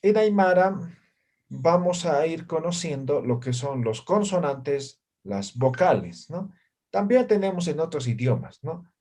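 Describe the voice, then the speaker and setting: A man's voice: fairly high pitch, lively intonation, a little slow, darkish tone. A man teaching an introductory language class, who keeps checking in with his students through short tag questions. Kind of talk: classroom lecture.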